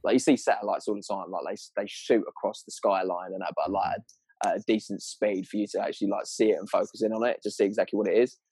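A man's voice: on the low side, fairly even intonation, fast talker, mellow, husky, dry recording. A man with a southern English accent telling anecdotes in casual, sweary, slangy chat, rambling along in a matey way.

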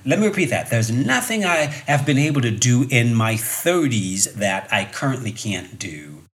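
On his solo motivational podcast, a fifty-something fitness coach speaks at a moderate pace with a mid-range, slightly bright voice full of big pitch swings. His delivery is conversational yet forceful, leaning on rhetorical questions and repetition of main ideas.

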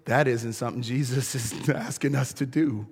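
A man preaching a sermon in an emphatic, lively way, often laughing between words. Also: mid-range voice, normal speed, breathy edge. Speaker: pastor. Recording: long hall reverb.

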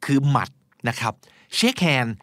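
A man's voice: medium pitch, big pitch swings, slow pace, no echo, studio quality. A man hosting a podcast vocabulary lesson, explaining words patiently and spelling them out letter by letter. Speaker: podcast host teaching English vocabulary.

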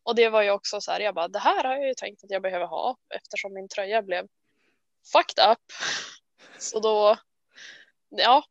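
A woman co-hosting a casual chat, talking in a chatty, self-deprecating way full of quick restarts. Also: mid-range voice, no echo, muffled recording. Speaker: podcast co-host. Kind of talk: casual chat about knitting.

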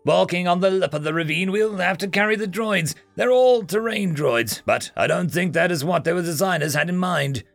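A man voicing a practical ship captain who talks in a measured way. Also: high-pitched, lively intonation, vocal fry, no echo, faint music behind, voice pushed up.

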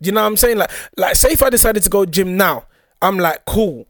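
A young man with a London roadman accent talks very quickly in a high-pitched, creaky voice. He chats casually and slangily, like a podcast co-host, often checking that he is being followed. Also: a bit bright, no echo, clean studio sound. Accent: London roadman, multicultural urban slang. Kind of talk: casual chat.

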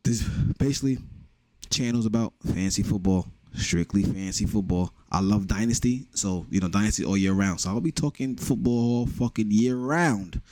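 A young man from the Bronx, New York, with a New York accent hosts a casual solo podcast full of blunt, profane jokes. His voice is on the low side and dark-toned at a normal speed, and the recording is dry.

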